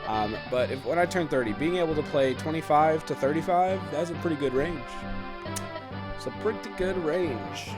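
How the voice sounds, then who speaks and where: A man's voice: on the high side, normal speed. A man in his twenties giving casual gameplay commentary at home, rambling with lots of ums and uhs. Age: 20s. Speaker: let's play host. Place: at home during quarantine. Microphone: webcam setup. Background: game music.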